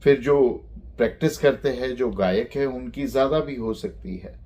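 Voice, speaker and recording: A man teaching a lecture on phonetics, speaking deliberately and spelling out sounds one by one. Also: mid-range voice, dark tone, slight background noise.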